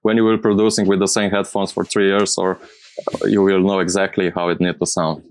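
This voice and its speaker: A man who speaks English as a second language, giving casual interview answers and searching for his words in a halting way. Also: low-pitched, level tone, darkish tone, slight background noise. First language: not English. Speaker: music producer being interviewed.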